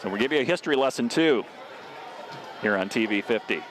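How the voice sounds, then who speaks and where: Steady local football play-by-play man. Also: medium pitch, brisk, crowd noise. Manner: steady, rises sharply on scoring plays. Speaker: play-by-play announcer.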